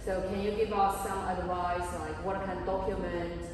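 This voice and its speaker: A woman's voice: lowish voice, level tone, normal speed. Woman interviewing, very echoey. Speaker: interviewer from a condominium developer. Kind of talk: conversational interview. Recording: echoey reverberant room, distant mic, background noise.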